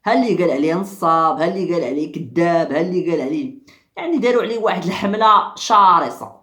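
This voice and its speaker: A man's voice: fairly high pitch, animated, racing, sharp tone, reverberant. A man with a Moroccan accent giving a fiery commentary rant, repeating himself and firing rhetorical questions at his viewers. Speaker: social commentary vlogger.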